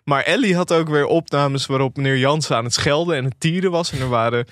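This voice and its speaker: A man's voice: on the high side, fairly quick, a bit bright, no echo. A man co-hosting a casual talk podcast, recounting a TV episode in an easygoing, rambling way. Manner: easygoing storyteller, many fillers. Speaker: podcast co-host, TV critic. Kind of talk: casual chat, retelling a TV episode.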